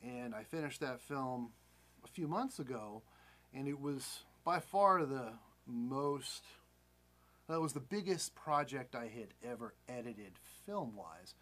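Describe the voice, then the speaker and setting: A man's voice: mid-range voice, animated, slow, a bit bright. An American man in his forties telling a personal story casually, rambling and candid, often doubling back to correct himself. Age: 40s. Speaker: vlogger.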